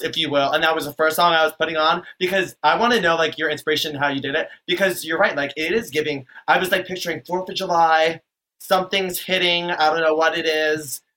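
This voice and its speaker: Chatty drag queen guy, kinda high voice, super bright and sharp, rambles with lots of "like". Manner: rambling and slangy, full of "like" and "it's giving". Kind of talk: casual interview chat.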